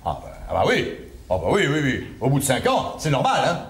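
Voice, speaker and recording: A man's voice: medium pitch, huge pitch swings, brisk. A man playing a jilted former partner in an amateur audio drama, rambling and stammering with nervous laughs. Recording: roomy amateur recording with noise.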